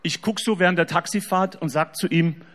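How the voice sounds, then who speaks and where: In a reverberant hall, a man with a high voice and brisk delivery gives a humorous faith talk to an audience, telling stories animatedly and swinging between loud and soft.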